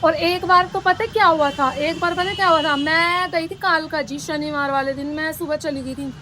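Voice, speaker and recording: A woman's voice: sits high, moderate pace, bright, forceful tone, slight background noise. A young woman vlogging in a casual, rambling way, chatting straight to her viewers. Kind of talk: casual vlog chat.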